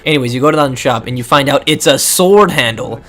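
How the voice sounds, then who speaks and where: A man's voice: medium pitch, animated, quick pace, a bit bright. A young man giving a crude, sarcastic comedic recap of a video game with laughing asides.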